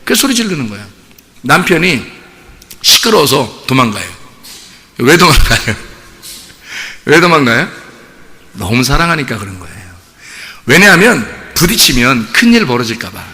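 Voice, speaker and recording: A man preaching a Sunday sermon as pastor, animated, moving between loud emphatic bursts and soft chuckling asides. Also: medium pitch, normal speed, long pauses. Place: church sanctuary. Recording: church hall reverb.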